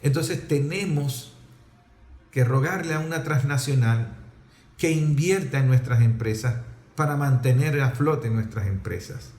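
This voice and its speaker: A man with a Venezuelan accent offers explanatory political commentary, his medium-pitched voice slightly slow and a bit mellow. He speaks emphatically and didactically, leaning on rhetorical questions and repetition. The recording sounds roomy and echoey.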